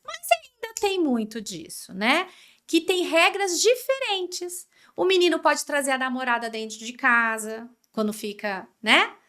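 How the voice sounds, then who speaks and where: A lively Brazilian woman with a high voice and a Brazilian Portuguese accent speaks a little slowly as a guest expert on emotional education. In this conversational podcast interview she's animated, playing out the voices of parents and kids she quotes.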